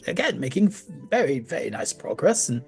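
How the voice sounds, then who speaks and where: A man's voice: mid-range voice, big pitch swings, fairly quick, vocal fry, darkish tone, slightly rough, soft background music, full character voice. A man playing a nervous, evasive monster hunter in a tabletop fantasy game, stammering and hedging as he talks. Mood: flustered, insistent.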